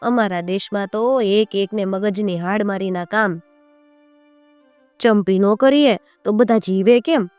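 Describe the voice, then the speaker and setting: A woman's voice: medium pitch, measured pace, darkish tone, no room sound, soft background music, close to an everyday voice. A woman voicing a shrewd male village barber who bargains and cries out for justice. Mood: sly.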